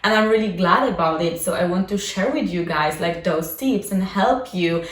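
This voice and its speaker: At a moderate pace and in a lowish voice, a young adult woman from Poland, whose first language is Polish, talks about her life as a vlogger and coach. It's a casual personal vlog, sprinkled with "like" and "you know". The mic sits at a distance in an echoey room.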